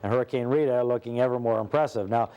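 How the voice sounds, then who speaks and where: A man working as a TV weather forecaster, ad-libbing live radar commentary with hesitant pauses as he reads the map. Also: mid-range voice, clear, resonant tone, muffled recording.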